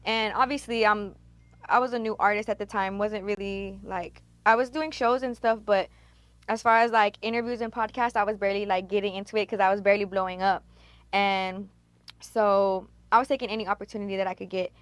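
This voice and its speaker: A woman's voice: medium pitch, fairly even intonation, fairly quick, no echo. A young woman from Texas, a rapper, telling stories in a laid-back, slangy and profane way during a casual interview. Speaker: rapper and guest.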